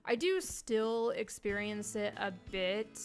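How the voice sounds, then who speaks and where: A woman casually chatting on a livestream, greeting viewers by name between many ums and pauses. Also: mid-range voice, expressive, soft background music. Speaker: livestream host.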